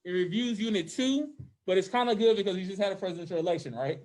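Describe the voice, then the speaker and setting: Speaking quickly in a high, slightly mellow voice, this man teaches high school social studies to in-person and online students. His face mask muffles him a little, and his casual style includes frequent checks that the class is keeping up.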